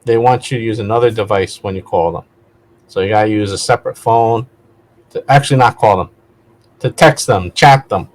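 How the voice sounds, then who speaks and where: He speaks a little fast in a fairly low voice. The clip is a loose, rambling vlog in which this host chats conversationally, going off on side tracks and correcting himself.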